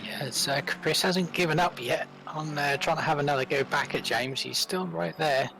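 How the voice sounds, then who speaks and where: Bright-voiced male motorsport commentator. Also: on the high side, moderate pace, gravelly, slight background noise. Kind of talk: live sim racing commentary.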